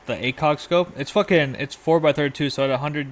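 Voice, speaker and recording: A man's voice: a little high, a little fast. A man co-hosting a podcast in casual chat, telling rambling stories full of swearing. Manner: loose, profane, rambling storytelling. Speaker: podcast co-host.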